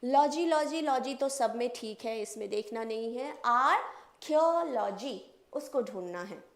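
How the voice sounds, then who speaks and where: A woman teacher with a high voice, giving a spelling lesson for exam prep. She talks slowly, says each word again and again, and spells it out letter by letter. The sound is echoey, as in a bare room. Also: animated.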